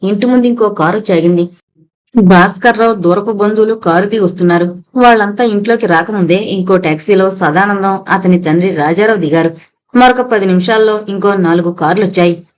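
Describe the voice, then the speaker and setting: Woman narrator, audiobook novel, steady storytelling, mid pitch. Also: a little fast. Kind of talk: scripted narration.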